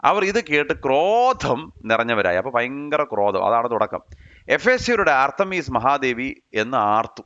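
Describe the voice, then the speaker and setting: A man's voice: mid-range voice, sing-song, moderate pace, few pauses, fairly bright tone, highs cut off. A man with a Kerala Malayalam accent teaching a Bible study, firing off rhetorical questions and pushing his voice up sharply as he presses each point.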